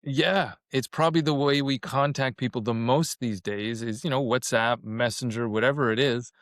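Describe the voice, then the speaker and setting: A man's voice: mid-range voice, normal speed, fairly bright tone, dry recording, clean studio sound. A man in his fifties from Canada, talking reflectively as a podcast guest and often repeating a word as he starts a thought. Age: 50s. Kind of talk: casual conversation.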